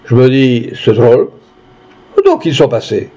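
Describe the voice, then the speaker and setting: Brief: man playing a bumbling country farmer, halting and rustic, lively pitch, husky. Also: muffled recording. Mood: rambling. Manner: halting, rustic dialect speech. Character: clumsy peasant man telling a rambling story.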